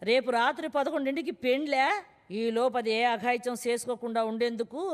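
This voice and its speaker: A woman's voice: a little high, fairly even intonation, brisk, lightly acted. A woman playing a bossy rustic old aunt. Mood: teasing. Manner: bossy, teasing, rural. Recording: film soundtrack, reverberant.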